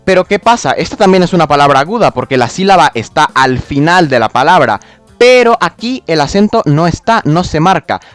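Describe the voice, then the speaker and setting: A man's voice: a little high, big pitch swings, brisk, a bit bright, no echo, soft background music. A man ranting about spelling rules, exasperated, mocking and full of swearing. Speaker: video creator. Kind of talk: explanatory rant.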